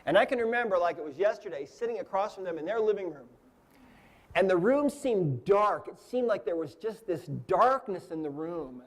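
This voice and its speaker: A man's voice: high voice, lively intonation, normal speed. A man in his fifties, teaching a lesson by telling a personal story in a chatty way, often checking in with "right?" and "okay?". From United States. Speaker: energy healing teacher. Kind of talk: storytelling lecture.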